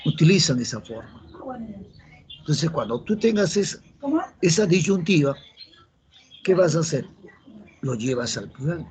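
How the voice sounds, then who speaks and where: A man's voice: a little high, animated, unhurried, pauses often, darkish tone. A man with a Peruvian Spanish accent teaching a grammar lesson for an entrance exam, repeating the rules and quizzing his students. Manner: explains patiently, repeats key rules, asks the class questions.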